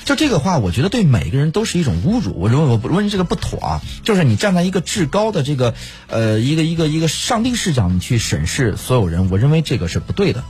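Animated storytelling man. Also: fairly high pitch, quick pace, few pauses, faint music behind. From Pingdingshan, Henan. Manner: animated storyteller, acts out phone calls with laughs. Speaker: co-host. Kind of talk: casual chat.

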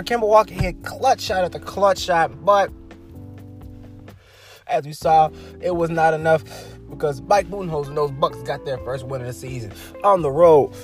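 A man's voice: on the high side, darkish tone. A man hosting his own podcast, rambling casually through sports talk with loose, profane wording, fillers and restarts. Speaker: podcast host.

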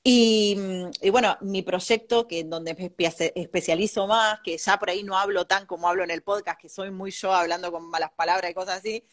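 A woman's voice: mid-range voice, fairly even intonation, moderate pace, hardly any pauses. A young woman with an Argentine accent, a guest architect chatting casually and rambling, laughing often. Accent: Argentine Spanish. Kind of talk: casual interview chat.

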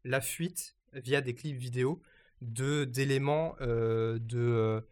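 A man talks through the week's news in a relaxed, unscripted way. He hesitates often and circles back to restart his sentences. His pitch sits in the middle range. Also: slow. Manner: hesitant, many fillers and restarts. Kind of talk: casual news chat.

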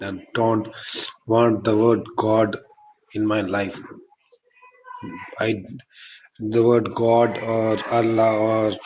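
A man from India leaving a voicemail, making slow, emphatic statements. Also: fairly low pitch. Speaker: caller. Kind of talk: voicemail message. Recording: dull noisy phone-message recording.

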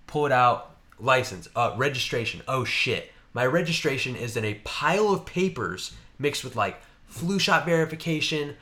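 A man's voice: medium pitch, expressive, normal speed, bright, forceful tone. A young man from Washington state, a podcast host rambling through a story in casual chat, swearing freely and acting out both sides of the exchange.

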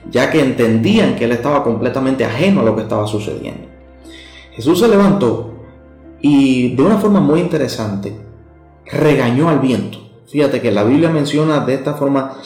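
Conversational male preacher in an echoey room. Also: medium pitch. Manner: conversational, speaks directly to the listener. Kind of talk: sermon. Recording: echoey room with soft instrumental music.

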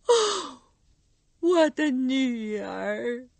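Casting: woman doing an anguished recluse mother, high and swooping, storybook. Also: big pitch swings, slow, husky, no echo, full character voice. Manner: anguished, pleading, cries out. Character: grieving vengeful middle-aged recluse mother.

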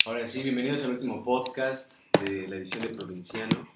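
A man hosting a casual podcast, relaxed and loose in his talk. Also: medium pitch, brisk, roomy sound, very noisy. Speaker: podcast host.

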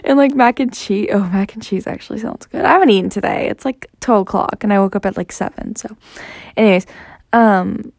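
A woman's voice: mid-range voice, a little fast, gravelly, darkish tone, no echo, studio quality. A sick woman, a student, hosting a casual solo podcast, rambling and giggling with lots of "like". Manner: rambling, giggly, heavy use of "like". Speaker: podcast host.

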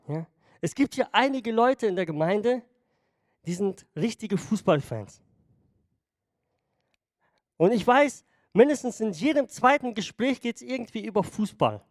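A man's voice: sits high, darkish tone, dry recording, clean studio sound. A man preaching a sermon to his congregation in a conversational way, often checking in with them. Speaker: pastor.

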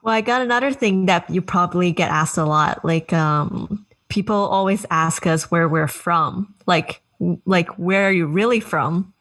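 A woman's voice: fairly low pitch, moderate pace, a bit bright, distant mic. A young woman from Taiwan chatting casually as a host, laughing often. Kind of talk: casual chat.

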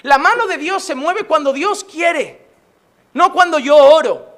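A man's voice: very high-pitched, animated, unhurried, fairly bright tone. A man preaching a sermon as a pastor, impassioned and emphatic, with touches of humor.

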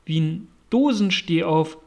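A man's voice: fairly high pitch, lively intonation, measured pace. A man voicing a small, dazed male lizard in a storybook, weak and breathless.

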